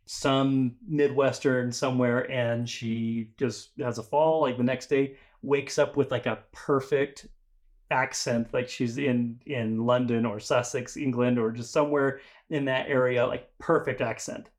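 A man co-hosting a casual podcast. His pitch sits in the middle range, and he rambles, jokes and trips over his words as he explains things. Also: steady tone, unhurried. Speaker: podcast co-host. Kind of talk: casual chat.

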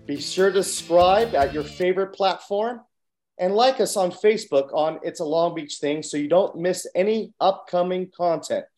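A man's voice: high voice, moderate pace, a little mellow, faint music behind. A man hosting a local podcast, asking questions in an upbeat, enthusiastic way. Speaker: podcast host. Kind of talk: casual interview hosting.

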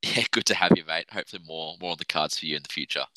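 A man's voice: rumbling low, rapid-fire, bright, forceful tone, dry recording, poor audio. An Australian man hosting a sports podcast in casual, blokey, informal chat. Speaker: podcast host.

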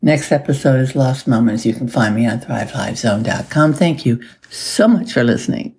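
A woman's voice: rumbling low, animated, moderate pace, a little mellow. A woman hosting a solo podcast as a life coach, chatting in a groggy early-morning voice, upbeat and with little laughs. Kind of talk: casual solo podcast talk.

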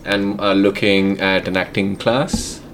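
A man interviewing a guest, asking questions haltingly with lots of fillers and restarts. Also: deep voice, flat delivery, background noise. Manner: hesitant, many fillers and restarts, quick backchannel.

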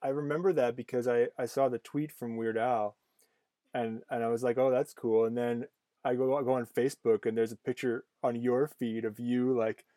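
Relaxed, amused man chiming in. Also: mid-range voice, normal speed. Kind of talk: casual chat.

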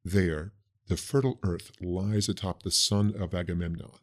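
A man voicing a solemn, cryptic ancient priestess who speaks prophecies slowly and gravely. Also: low-pitched, fairly even intonation, pitched below the performer's own voice. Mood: solemn prophetic. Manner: slow, grave, prophetic delivery.

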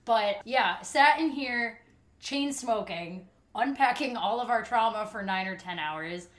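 Lively guest telling a story, slightly high voice, echoey room. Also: female voice, measured pace. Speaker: guest, singer. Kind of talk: casual chat. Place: home studio.

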